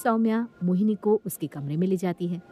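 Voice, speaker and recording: A woman's voice: on the low side, fairly quick, soft background music. Woman narrating a moral story. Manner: steady storytelling.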